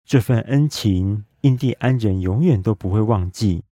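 A dignified male chief from a bedtime story, played by a man reading aloud, speaks with calm, solemn authority. The voice sits low and mellow. The sound is close and dry. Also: moderate pace, no echo, lightly acted.

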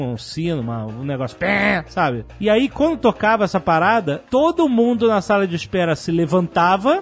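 Animated Brazilian man telling stories. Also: high voice. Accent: Brazilian Portuguese. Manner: animated storyteller, lots of "né?" tags. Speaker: podcast co-host. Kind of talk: casual roundtable chat.

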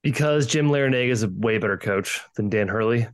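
A man's voice: lowish voice, brisk. A man working as a betting analyst, giving casual, opinionated sports analysis.

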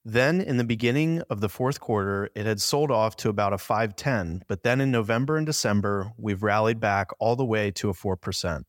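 A man's voice: on the low side, fairly quick, hardly any pauses, dry recording, clean studio sound. A man presenting scripted market commentary as a podcast host.

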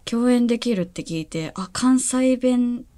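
A woman's voice: fairly high pitch, a little slow, dark tone. A woman in her twenties from Hyogo, a guest actress chatting in a friendly, polite, giggly way. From Hyogo, Japan. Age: 20s. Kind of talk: casual interview chat.

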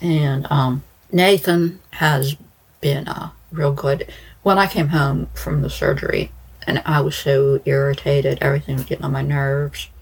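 Low, gravelly woman chatting on a podcast. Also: steady tone, a little slow, rough recording. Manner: rambling, informal. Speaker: true crime podcast host. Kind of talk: casual chatty solo podcast update.

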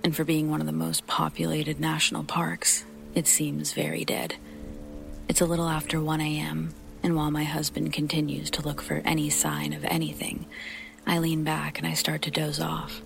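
A woman delivers scripted first-person horror narration in a deep, breathy, creaky voice that is almost whispered. She reads at normal speed with a completely flat delivery, while music and rain sound behind her.

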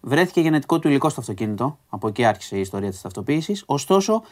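A man's voice: medium pitch, big pitch swings, a little mellow. A man hosting a podcast, recapping news stories to a co-host in a casual, conversational way with asides and hesitations.

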